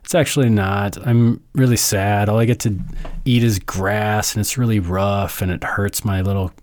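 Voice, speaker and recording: A man's voice: lowish voice, fairly even intonation, moderate pace, darkish tone, natural voice. A man voicing a sad young woman who has been turned into a cow, speaking plaintively in a casual myth retelling. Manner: plaintive, self-pitying.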